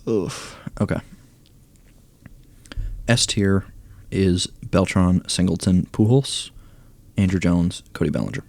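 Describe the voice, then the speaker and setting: A young man commenting casually on a baseball video game, reading stats aloud and thinking out loud, hoarse as he loses his voice. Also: low voice, slow, long pauses, no room sound. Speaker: gaming YouTuber ranking cards.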